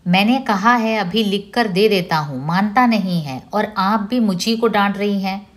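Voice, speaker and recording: A woman's voice: mid-range voice, close to an everyday voice. A woman reading out the lines of a stubborn, defiant young boy from a novel, stressing each word. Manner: read aloud slowly, stressing each word.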